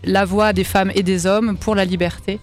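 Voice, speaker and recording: A woman's voice: mid-range voice, little pitch movement, moderate pace, faint music behind. Earnest woman guest, hesitant. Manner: earnest, hesitant with many fillers. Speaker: choir member, guest. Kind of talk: radio interview.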